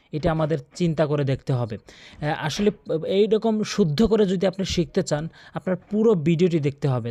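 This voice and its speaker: A man teaching Quran recitation and pronunciation in Bengali, speaking earnestly and repeating the sounds slowly for practice. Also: a little high, darkish tone, dry recording. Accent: Bangladeshi Bengali. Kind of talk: tajweed pronunciation lesson.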